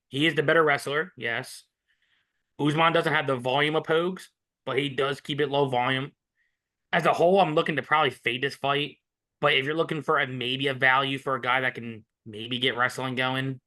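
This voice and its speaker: A man's voice: a little high, pushed and bright. A man co-hosting a sports betting podcast, talking in a rambling, opinionated casual way. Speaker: podcast co-host.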